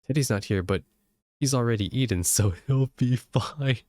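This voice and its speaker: A man's voice: medium pitch, moderate pace, darkish tone, dry recording. A man giving casual gaming commentary and reading story text aloud as he plays. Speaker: let's play streamer.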